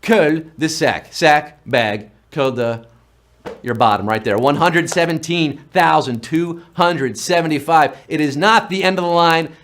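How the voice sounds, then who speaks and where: A man with a fairly high, slightly bright voice hosts a live trivia game show, reading questions and joking playfully between answers. As quiz show host he keeps up a playful, punning, fast-patter delivery.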